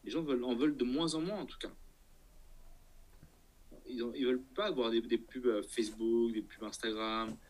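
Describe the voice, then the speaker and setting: This man, a guest entrepreneur, speaks at a moderate pace with a steady tone and a medium pitch, pausing often. He's being interviewed informally, thinking aloud hesitantly and repeatedly making sure he's being followed.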